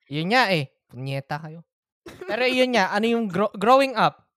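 A woman's voice: medium pitch, sing-song, moderate pace, fairly bright tone, no room sound, studio quality. A woman hosting a casual podcast chat who teases her guests bluntly and swears playfully while asking questions. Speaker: podcast host.

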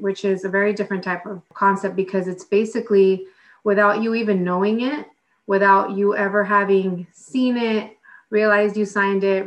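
A woman answers as an interviewed expert, explaining step by step and restating as she goes. Her voice has a middle pitch and sits a little way from the microphone. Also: recorded from a distance. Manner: explains step by step with rephrasing and repetition. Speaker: interviewed expert, legislative advocate.

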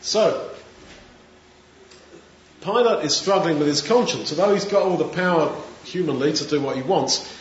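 A man's voice: a little high, normal speed, pauses often. A man preaching a sermon in a conversational way, acting out the voices of crowds. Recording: echoey room, dull sound, faint noise.

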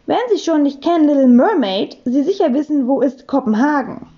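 A woman's voice: high voice, animated, a little fast, warm tone, lo-fi sound. A woman voicing a cheerful English teacher who speaks broken German with an English accent. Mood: eager.

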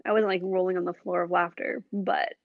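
A woman co-hosting a casual chat, talking chattily and getting animated when she describes the shows she watches. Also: on the low side, brisk, vocal fry, no room sound, phone-quality sound.

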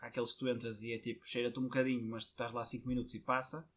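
A man's voice: medium pitch, level tone, racing, fairly bright tone, husky. A man with a northern Portuguese accent chatting casually with a friend, slangy and foul-mouthed. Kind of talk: casual banter between friends.

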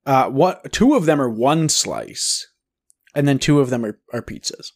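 A man co-hosting a casual podcast chat with animated, teasing banter. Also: mid-range voice, unhurried, creaky, husky. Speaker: podcast co-host.

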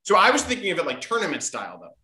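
A man hosts a relaxed podcast conversation with a bright, forceful tone, and his voice cracks in places. He talks in an animated way, laughing as he goes. The sound has a noticeable echo from the room. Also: high-pitched, rapid-fire. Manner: animated, laughs while talking. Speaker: podcast host. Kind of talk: casual podcast chat.

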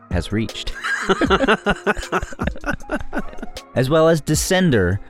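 A man co-hosting a casual podcast, playful and quick to laugh at his own slips. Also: lowish voice, a little mellow. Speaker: podcast co-host.

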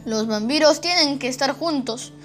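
A woman voicing a young boy vampire in a storybook reading, wry, secretive and often hushed. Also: high voice, moderate pace, soft background music, natural voice.

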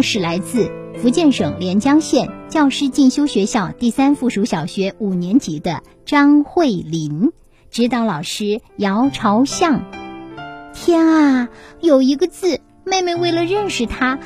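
A woman hosting a children's essay show, reading a pupil's story aloud in an animated, expressive way. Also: on the high side, measured pace, soft background music. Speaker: children's essay reader and host.

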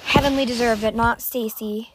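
A woman chatting through a video game with excitable, dramatic outbursts. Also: on the high side, normal speed, noisy background. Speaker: gamer. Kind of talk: casual gameplay commentary.

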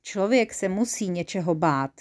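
A woman voicing a shaggy, horned male devil who grumbles gruffly in coarse slang. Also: fairly low pitch, expressive, a little mellow, no echo, clean studio sound, natural voice. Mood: grumbling.

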